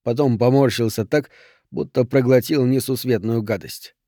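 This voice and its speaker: A man narrating an audiobook in an even, measured way. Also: mid-range voice, no echo, studio quality.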